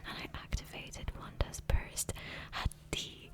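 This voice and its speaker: Whispering softly without voicing, an ASMR gaming creator chats casually and unhurriedly. Her USB condenser microphone is placed close, picking up every gentle word.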